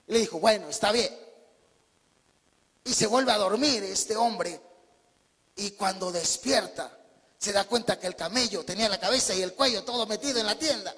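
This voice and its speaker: A man preaches an emphatic, story-driven sermon. His voice sits very high and sounds husky. A long reverb from the church hall hangs behind every phrase. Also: moderate pace, bright, forceful tone.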